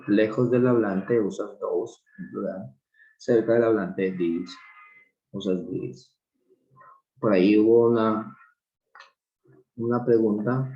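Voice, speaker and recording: A man teaching an online English class, explaining slowly and patiently with repeated examples. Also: fairly low pitch, dark tone, reverberant, muffled recording. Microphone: video call.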